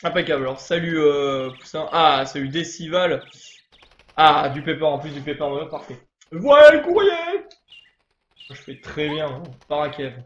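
High-voiced, chatty male streamer. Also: little pitch movement, moderate pace, a bit bright, reverberant, muffled recording. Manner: chatty, rambling, greets chat viewers. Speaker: let's play streamer. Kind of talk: casual live game commentary.

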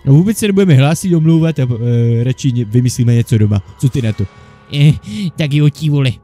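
A gaming YouTuber plays a comedic Minecraft parody in a medium-pitched, dark-toned voice over soft background music. His banter is jittery and panicky, laced with frequent mild swearing as he switches between two bickering sidekick friends.

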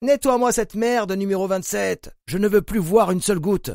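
A man's voice: sits high, moderate pace, gravelly, no room sound, voice pushed up. A vicious male camp guard, put on by a male audiobook narrator barks orders and insults in a raised, harsh voice. The reading sounds dry and close. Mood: barking cruel. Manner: barking, shouted insults. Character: brutal sneering male prison camp guard.

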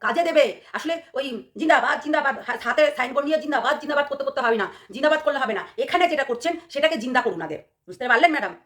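Hoarse woman vlogger, high voice, rapid scolding rant full of sarcastic questions. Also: lively intonation, fairly bright tone. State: hoarse from a cold. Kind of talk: ranting commentary to camera.

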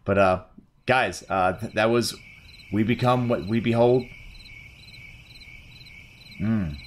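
A man's voice: fairly low pitch, takes it slowly, a little hiss or hum. A man casually commentating as he plays a video game, reacting aloud and swearing freely. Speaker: gaming channel host. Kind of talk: casual let's-play commentary. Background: game music.

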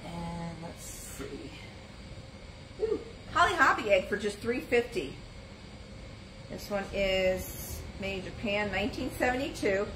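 In a roomy, noisy shop, a middle-aged woman hosts a live antiques sale stream from her booth, casually reading out items with their sizes and prices. Her medium-pitched voice is animated but slow, with frequent pauses. She's filmed by a phone or camera on a stand and moves around in frame.

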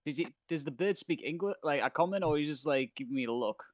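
Player, male, slightly high voice, dry close sound, stammers and rambles. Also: animated, fast, dry recording. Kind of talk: casual chat.

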